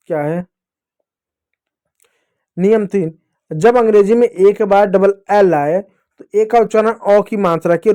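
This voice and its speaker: A young man teaches phonics to small children. He patiently repeats each rule and answers his own questions. His voice sits high but sounds mellow, recorded dry and close. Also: no echo.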